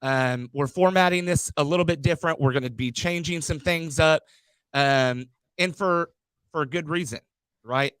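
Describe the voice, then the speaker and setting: A man in a podcast studio runs through sponsors and welcomes his guest with a lot of energy, stumbling over his words now and then. His somewhat high voice sounds dry and close, with almost no room echo. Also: normal speed, a bit bright, clean tone. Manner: hype-driven, repeats words, stumbles on them. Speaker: podcast host. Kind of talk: podcast hosting, reading sponsor mentions.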